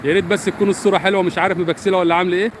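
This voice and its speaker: An Egyptian man streams from the beach on his phone, talking to his viewers in a rapid, chatty stream. His voice sits high for a man, and he keeps swearing by God as he goes. Strong wind noise buffets the phone mic. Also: flat delivery. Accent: Egyptian Arabic. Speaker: vlogger. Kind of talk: casual live-stream chat to viewers.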